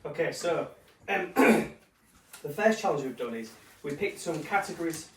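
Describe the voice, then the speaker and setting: A man's voice: a little high, lively intonation, normal speed, a bit bright. A man hosting a casual football podcast with friends in a bedroom, swearing and bantering as he steers the chat. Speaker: podcast host. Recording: roomy echo, mic at a distance, faint noise.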